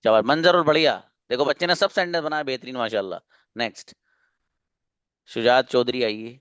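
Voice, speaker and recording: Male online tutor on a video call, smooth clear tone, strict and lecturing. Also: medium pitch, brisk, a bit bright, dull audio. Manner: firm, scolding then encouraging. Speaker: online English teacher. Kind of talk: online class drilling students.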